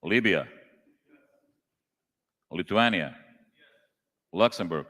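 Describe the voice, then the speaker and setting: In a large conference hall full of long reverb, a congress official takes the roll at a meeting. His deep voice moves slowly through the country names one by one, with lively intonation and a sharp edge.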